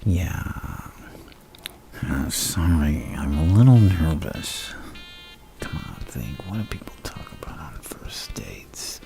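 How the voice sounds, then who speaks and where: A man playing a deranged, lovestruck supervillain in an ASMR roleplay, gravelly and breathy, halting and theatrical, often sinking into a whisper. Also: very deep voice, big pitch swings, music in the background, heavily acted. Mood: nervous, flirtatious. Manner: halting, theatrical, menacingly courteous. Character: the Joker, deranged lovestruck male supervillain on a date.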